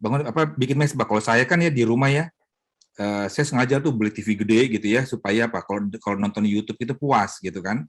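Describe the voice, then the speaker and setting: A middle-aged man, a pastor, teaching a Bible study in a lively, joking way, acting out wives' prayers. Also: mid-range voice, fast talker. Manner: animated, joking, mimics wives praying.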